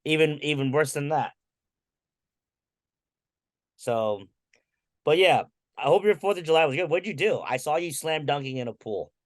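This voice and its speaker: A man's voice: fairly high pitch, expressive, normal speed, pauses often. A man co-hosting a podcast in casual chat, easygoing and agreeable. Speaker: podcast co-host.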